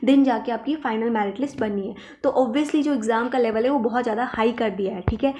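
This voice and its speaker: Emphatic woman teacher, fairly high voice. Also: brisk, dark tone. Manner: repeats "ठीक है" and "देखो" to check in with students; reassuring, emphatic instruction. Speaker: exam coaching teacher. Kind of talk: explanatory online lesson.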